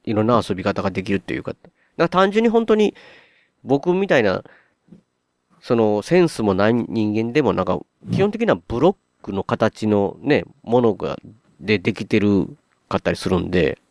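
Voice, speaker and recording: Lively Kansai man telling stories. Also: fairly low pitch, normal speed, no room sound, clean studio sound. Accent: Kansai Japanese. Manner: animated storytelling, acting out his own surprised reactions. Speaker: podcast co-host. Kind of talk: casual podcast chat.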